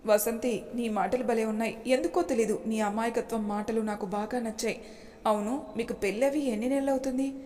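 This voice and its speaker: A woman's voice: on the high side, fairly even intonation, a little fast, mellow, close to an everyday voice. A woman voicing a shy curious young bride. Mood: amused. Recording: long hall reverb.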